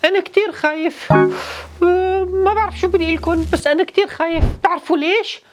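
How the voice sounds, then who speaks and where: A woman's voice: extremely high pitch, steady tone, rapid-fire, over music. A woman voicing a timid, playful male clown who hosts a children's show, with a Levantine Arabic accent and a sing-song, exaggerated, giggly manner. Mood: scared.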